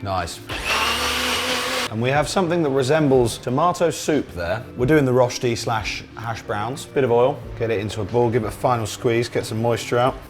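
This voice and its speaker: Over loud music, a British cooking show host talks through his dish in a mid-range voice at a moderate pace. His casual vlog is chatty and sweary, full of jokey self-commentary.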